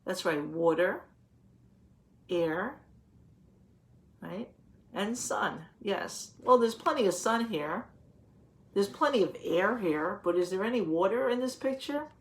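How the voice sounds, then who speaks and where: Reading a picture book to young children the way a teacher would, a woman speaks slowly and expressively in a middle pitch. She stops to explain things in plain, patient terms and asks questions along the way.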